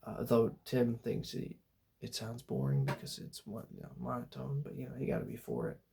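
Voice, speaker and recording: A young man talking softly in a loose, meandering ASMR ramble, laid-back and full of fillers. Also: medium pitch, sing-song, normal speed, vocal fry, breathy edge. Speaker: ASMR channel host. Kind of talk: soft-spoken ASMR rambling.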